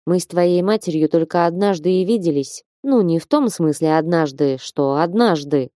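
A woman voicing a gruff bearded dwarf father. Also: normal speed, dark tone, no room sound, clean studio sound, natural voice. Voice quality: bass, blunt. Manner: curt, matter-of-fact. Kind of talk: audiobook character voice.

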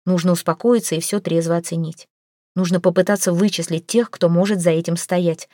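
Woman reading a protective young man in a storybook, quiet, low-key and gently reassuring. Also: a little fast, no room sound, clean studio sound, lightly acted. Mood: soothing. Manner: soft, calm, reassuring. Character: steady, protective young man comforting a friend.

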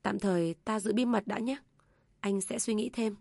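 A woman's voice: medium pitch, steady tone, moderate pace, creaky, a little mellow, no echo, studio quality. Woman reading as a troubled young husband. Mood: subdued. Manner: restrained, then raising his voice. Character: young husband torn between mother and wife.

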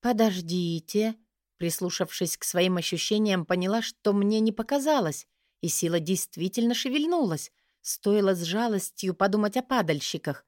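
A woman reading a first-person fantasy audiobook in a lively, wry storytelling manner. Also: mid-range voice, moderate pace, no echo, studio quality. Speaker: audiobook narrator.

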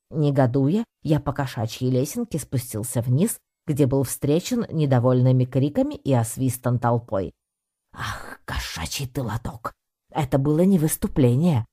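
Very low, dark-voiced woman narrating. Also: slightly rough. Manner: wry, storytelling. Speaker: audiobook narrator. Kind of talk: scripted first-person narration.

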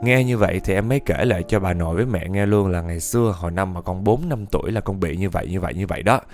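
Low-voiced male storyteller. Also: fast, a little mellow, faint music behind. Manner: chatty storytelling, often addressing the listeners directly. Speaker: ghost story narrator. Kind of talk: reading a listener's ghost story aloud.

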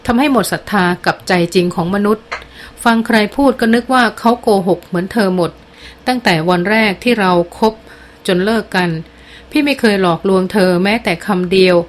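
A woman voicing an older woman who scolds and reproaches with weary exasperation, read in an audiobook at her own middle pitch. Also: normal speed, slight background noise, close to an everyday voice. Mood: scolding. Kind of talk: audiobook character voice.

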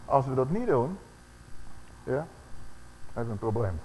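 A man preaching a sermon, acting out the voices he quotes and slowing down for scripture. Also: medium pitch, sing-song, dark tone, big-room sound, a little hiss or hum, rough recording.

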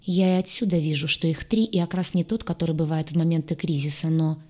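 A woman's voice: low voice, fairly even intonation, quick pace, a little mellow. A woman voicing a brooding alien captain. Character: alien male starship captain, brooding, tender.

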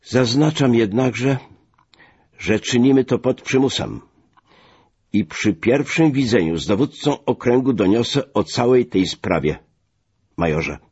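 A man's voice: medium pitch, lively intonation, measured pace, pauses often, darkish tone, slightly rough, voice pushed up. A man voicing a furious, commanding American colonel who barks threats, in a muffled recording. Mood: stern. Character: furious middle-aged male American colonel.

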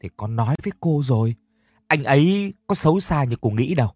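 A man's voice: mid-range voice, animated, brisk, a little mellow, no room sound, studio quality, lightly acted. A man voicing a young woman niece who argues back and then pleads in a told story. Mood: defiant. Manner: pleading, defiant, sobbing speech.

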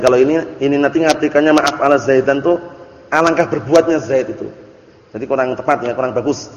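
A man, a religious teacher, giving a classroom lecture on Arabic grammar. He recites the Arabic slowly, explains it, and keeps checking that students follow. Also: a little high. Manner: keeps checking understanding with quick questions. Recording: echoey hall, dull lo-fi audio.

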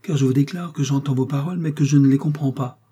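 A man's voice: fairly low pitch, normal speed, dark tone, slightly rough. A man voicing Milady, a haughty scheming woman. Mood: haughty indignation. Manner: cold, haughty, feigned zeal. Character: scheming proud woman prisoner.

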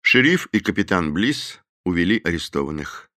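Lively, bright male audiobook narrator. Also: low voice, normal speed, dry recording, studio quality. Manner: lively, acts out each character. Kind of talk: scripted narration.

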